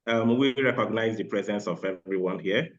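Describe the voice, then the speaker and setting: A man's voice: lowish voice, moderate pace. A man with a Nigerian accent moderating a medical webinar, hesitant with frequent fillers. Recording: dull lo-fi webinar audio.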